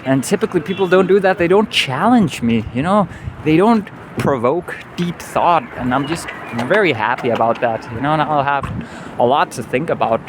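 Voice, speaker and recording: On a city street with traffic clearly audible, a man with a Danish accent, a native Danish speaker, walks and vlogs about his travels, earnest and rambling and fond of "you know." His voice is on the high side and animated, at a moderate pace.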